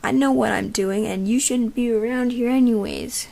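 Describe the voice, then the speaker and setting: A woman's voice: a little high, steady tone, moderate pace, gravelly, a little mellow. A woman reading lines as a tough male pigeon, brusque and dismissive.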